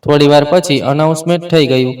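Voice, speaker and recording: A man's voice: a little high, fairly even intonation, fast talker, darkish tone, recorded from a distance. A man telling a first-person story in an earnest way, with small restarts. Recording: voice set back from the mic.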